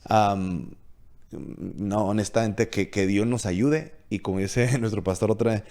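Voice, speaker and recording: A man with a fairly low voice talks through a casual faith podcast. He is earnest and confessional, and he slips English words into his Spanish. He often stops and restarts his sentences as he searches for what he wants to say. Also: unhurried, darkish tone. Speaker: podcast co-host.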